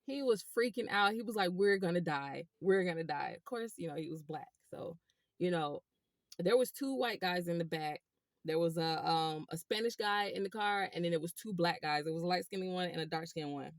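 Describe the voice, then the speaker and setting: A woman telling a rideshare story to her viewers in a casual, animated way. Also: on the low side, fairly quick, no echo, studio quality. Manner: animated, chatty, addresses viewers as y'all. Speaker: rideshare driver vlogger.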